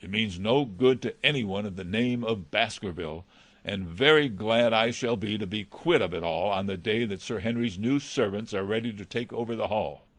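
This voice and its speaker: The same kind of role: an anxious, deferential butler in a radio mystery, played earnestly and hesitantly by a man who dreads villainy. This time he sounds agitated, his somewhat low voice a little bright, at ordinary speed with no room sound at all.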